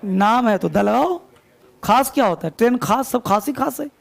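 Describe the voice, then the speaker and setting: Man, classroom dictation, spells words letter by letter, high gravelly voice. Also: animated, moderate pace. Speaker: teacher.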